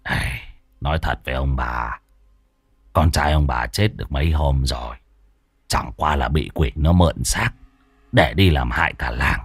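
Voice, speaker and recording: A man's voice: rumbling low, a little slow, long pauses, breathy edge, no echo, voice pushed down, exaggerated voice. A man voicing a coarse, grumbling old male exorcist, swearing bluntly. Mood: grave. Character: gruff, crude, hungry old male exorcist.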